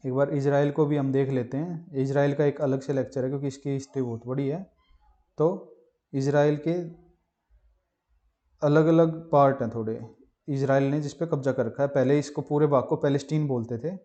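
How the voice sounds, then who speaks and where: A man's voice: mid-range voice, fairly even intonation, moderate pace, warm tone. Man quizzing himself through a map lesson. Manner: repeats quiz questions and answers them himself. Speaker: teacher. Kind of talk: exam-prep map lesson with memory stories. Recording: muffled lo-fi voice-over.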